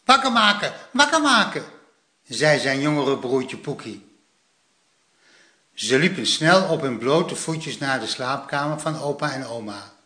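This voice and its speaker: A man reading a children's story aloud in a slow, expressive way. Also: mid-range voice, reverberant.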